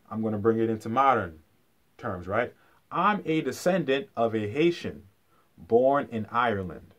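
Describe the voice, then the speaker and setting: A medium-pitched man gives an informal explanatory lecture in colloquial speech, emphatically repeating key phrases and posing rhetorical questions.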